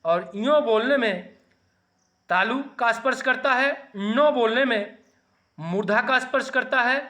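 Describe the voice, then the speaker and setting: Male teacher, measured delivery, high bright voice, for a grammar lesson. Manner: slow, deliberate, sounding out letters for students to repeat.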